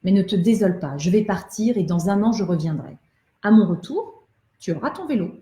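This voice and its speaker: A woman voicing a small, shrewd rubber doll who tells fortunes, calm and matter-of-fact, sometimes calling out high, in a roomy echo. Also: brisk, close to an everyday voice. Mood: reassuring.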